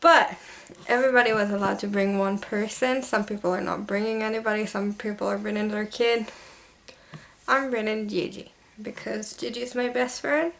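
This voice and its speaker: A woman's voice: mid-range voice, fairly even intonation, normal speed, gravelly, fairly bright tone, a little hiss or hum. A young woman vlogging casually at home, chatty and rambling, often correcting herself. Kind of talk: casual home vlog chat.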